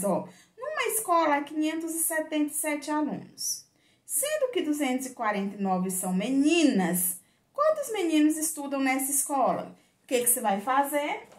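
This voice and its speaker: A woman teacher with a Brazilian Portuguese accent gives a video lesson to children, stretching her words in a slow, sing-song way. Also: fairly high pitch. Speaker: primary school teacher. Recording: echoey room.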